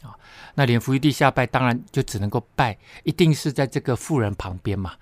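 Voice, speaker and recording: Dry-sounding teacher. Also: male voice, medium pitch, a little fast, dry recording. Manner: explanatory, with frequent tag particles and emphatic asides. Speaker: Bible teacher. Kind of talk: Bible study lesson.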